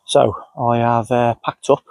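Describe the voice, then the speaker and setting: A man's voice: medium pitch, little pitch movement, measured pace, vocal fry, a little mellow. A man sniffly with a cold, casually narrating his outdoor cooking as he goes, unscripted. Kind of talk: casual, unscripted narration while doing tasks. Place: outdoors in countryside.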